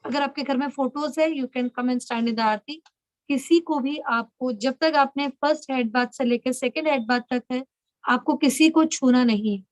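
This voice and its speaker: A woman's voice: sits high, unhurried, no echo, rough recording. A woman leading an online session for young women, talking in an instructive way and often checking that she is understood. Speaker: spiritual mentor leading an online girls' session. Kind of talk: instructive talk in Hindi-English mix.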